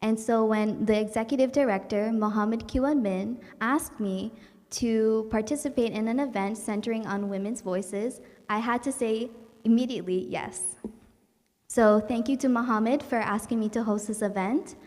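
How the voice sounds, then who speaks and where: A woman's voice: on the high side, normal speed, darkish tone, long reverb tail. A young woman from New York hosting a virtual community event, speaking in an earnest, upbeat and welcoming way. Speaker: event host. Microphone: livestream setup.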